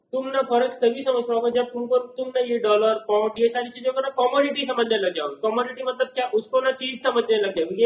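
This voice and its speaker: Indian-accented male lecturer, high voice, keeps asking the class questions, roomy echo. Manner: explains with everyday examples, asks the class repeated check questions. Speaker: teacher.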